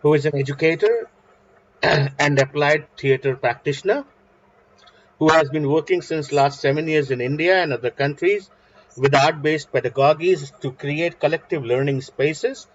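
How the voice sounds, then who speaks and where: A man's voice: fairly high pitch, moderate pace, dull audio, slight background noise. A man moderating an online event, formally reading introductions of the next speakers.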